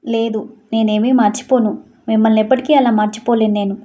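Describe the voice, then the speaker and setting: A woman's voice: mid-range voice, fairly even intonation, normal speed, mellow, lightly acted. A woman voicing a tearful young daughter about to be married, speaking in a pleading way.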